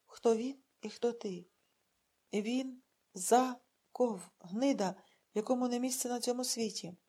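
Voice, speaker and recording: A woman's voice: on the high side, unhurried, dark tone. Woman reading as a proud defiant peasant wife. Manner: defiant, passionate.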